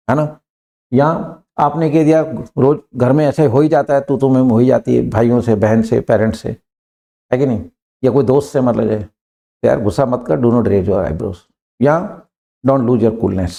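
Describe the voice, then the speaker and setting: A man teaching English phrases in Hindi, stretching the English examples out slowly and often adding "है ना". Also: a little high, mellow. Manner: slow, drawn-out when saying English examples; repeats fillers like "है ना" and "मतलब".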